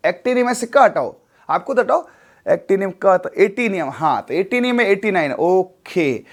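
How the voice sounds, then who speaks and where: A man teaching chemistry in a lively classroom lecture, telling a memory story and drilling numbers aloud with coaxing repetition. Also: sits high.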